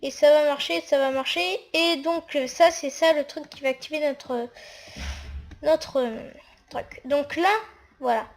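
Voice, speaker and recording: A woman's voice: high-pitched, steady tone, unhurried. A woman talking through a casual game tutorial while she builds, hesitant and full of fillers. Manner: hesitant, narrates actions with fillers.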